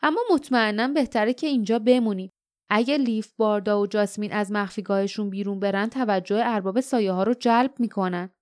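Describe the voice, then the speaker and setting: Woman doing a cautious male innkeeper, quick, careful, smooth, dry sound. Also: mid-range voice, fairly even intonation, a little mellow, dry recording, lightly acted.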